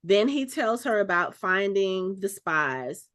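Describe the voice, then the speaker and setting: A woman co-hosting a casual podcast, talking over scenes in an animated way and acting out the exchanges as she recaps them. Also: mid-range voice, slow. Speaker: podcast co-host. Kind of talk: casual chat.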